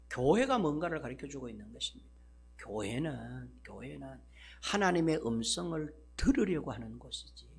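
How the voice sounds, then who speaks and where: A male pastor preaching a sermon in an emphatic, dramatic way, swinging from loud declarations to hushed asides. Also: on the high side, gravelly, breathy edge.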